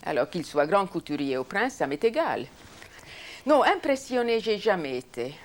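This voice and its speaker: An older woman with a European French accent, telling stories in an interview in a spontaneous, animated way with frequent restarts. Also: on the low side, normal speed. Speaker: interviewee, former TV host. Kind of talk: reminiscing interview.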